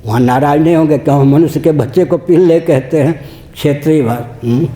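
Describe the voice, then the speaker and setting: A man's voice: a little high, brisk, warm tone, reverberant, a little hiss or hum. An older man, a spiritual teacher, giving a religious discourse, explaining with anecdotes and laughing at his own jokes.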